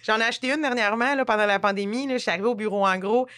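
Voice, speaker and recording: A woman's voice: a little high, rapid-fire. A woman with a Quebec French accent, chatting casually and laughing often as she tells stories. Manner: laughing often, animated storytelling. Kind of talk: casual chat.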